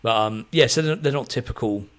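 A man hosting a podcast, chatting about music in a relaxed, thoughtful way with plenty of ums. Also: medium pitch, brisk. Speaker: podcast host. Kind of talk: casual music chat.

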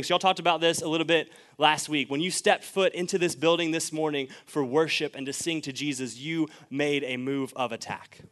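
Young male pastor, emphatic sermon delivery, higher-than-average pitch. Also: fairly bright tone. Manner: emphatic preaching with repeated rhetorical questions. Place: church sanctuary.

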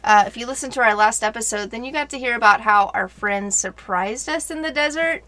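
A woman co-hosting a casual podcast, upbeat and quick to laugh and gasp. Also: on the high side, bright, forceful tone, no room sound. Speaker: podcast co-host.

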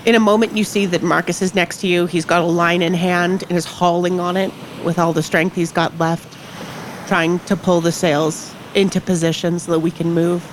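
A woman's voice: fairly low pitch, flat delivery, normal speed, slight background noise. A woman narrating a tabletop role-playing game as game master, with dramatic, descriptive storytelling.

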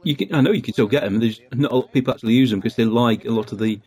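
A man's voice: medium pitch, very fast, a little mellow, slightly rough. A man casually chatting while watching a TV show, making dry, opinionated remarks. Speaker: commentator reacting to a TV show. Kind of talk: casual chat.

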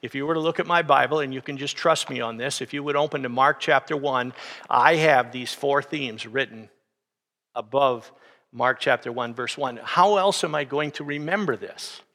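A man's voice: mid-range voice, normal speed, pushed and bright, long reverb tail. A man preaching a sermon as pastor, teaching steadily and then rising to emphatic preaching.

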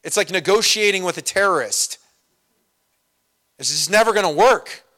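A man preaching a sermon in a conversational way, full of asides and fillers, moving between loud emphasis and quiet storytelling. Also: sits high, animated, normal speed. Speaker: pastor.

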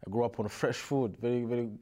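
A man from Rwanda, a guest on an interview show, telling stories about his childhood in a relaxed, chatty way with soft laughs. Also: medium pitch, quick pace. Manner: relaxed storytelling with frequent restarts and soft laughs. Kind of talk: casual interview conversation.

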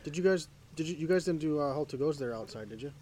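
A man's voice: fairly high pitch, expressive, fast, darkish tone. Man co-hosting with dry, teasing remarks. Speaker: podcast co-host. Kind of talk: casual chat. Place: outdoors.

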